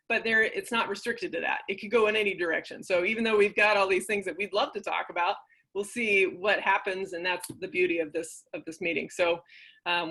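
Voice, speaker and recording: A woman speaking in a bright, lively tone over a video call. She talks in a relaxed, chatty way, keeping the conversation loose. She sounds at ease. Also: mid-range voice. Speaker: associate athletic director. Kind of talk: casual video call chat.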